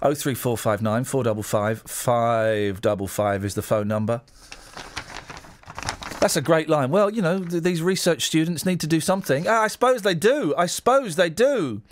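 A man hosting a casual radio talk show, animated and prone to stumbling restarts. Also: on the high side, moderate pace, no room sound. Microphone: studio microphone.

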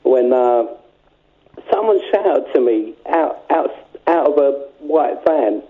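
A man's voice: mid-range voice, expressive, slow pace. A man calling in to a radio show over a speakerphone line, cheeky and jokey, chuckling often as he chats. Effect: heard over a speakerphone line. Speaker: caller. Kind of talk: casual chat on a call-in radio show. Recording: tinny phone line.

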